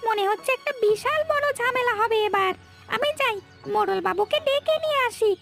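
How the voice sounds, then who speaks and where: A woman's voice: very high voice, a little fast, creaky. A woman voicing an indignant, gossiping village woman in a cartoon dub. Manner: indignant, reproachful. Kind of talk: cartoon dubbing. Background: faint music.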